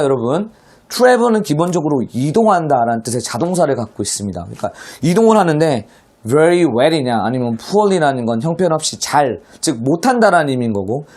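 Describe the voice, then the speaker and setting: A man's voice: fairly high pitch, a little mellow. A man teaching English vocabulary to middle school students in an online class, speaking with a Korean accent and often addressing his students directly.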